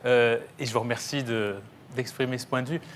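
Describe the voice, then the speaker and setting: Homme posé qui insiste pour préciser. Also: male voice, medium pitch, steady tone, slight background noise. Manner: measured, insistent, careful to clarify. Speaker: talk show guest. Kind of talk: earnest talk-show exchange.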